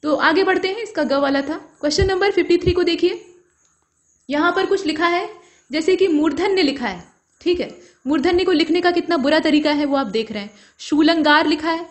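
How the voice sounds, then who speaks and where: A woman teaching an exam-prep grammar lesson, explaining each answer step by step and putting questions to the viewer. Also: sits high.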